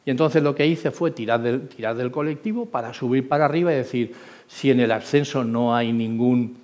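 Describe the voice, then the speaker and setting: A man's voice: mid-range voice, darkish tone. A middle-aged man, a former helicopter pilot, telling his faith testimony as a sermon, moving from vivid storytelling to fervent exhortation.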